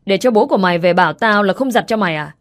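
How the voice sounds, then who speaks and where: A woman's voice: medium pitch, expressive, racing, lightly acted. A woman voicing a scolding, contemptuous stepmother. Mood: scornful. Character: cruel shrill young stepmother.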